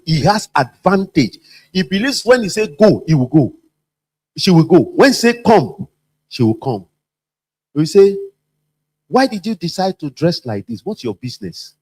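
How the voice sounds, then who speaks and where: A man's voice: a little high, slightly rough. A man giving a workplace training talk, repeating himself and acting out the people he quotes. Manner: animated, repetitive, acts out quoted voices.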